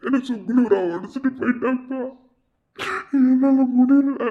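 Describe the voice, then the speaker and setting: A man voicing a proud but heartbroken young man in a cartoon drama, pleading in slow, broken, sobbing phrases. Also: a little high, narrow, tinny audio, close to an everyday voice. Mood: anguished.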